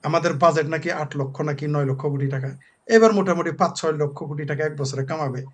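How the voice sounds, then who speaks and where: A man's voice: fairly high pitch, quick pace. A man, a talk show guest giving heated, scornful political commentary with mocking lists.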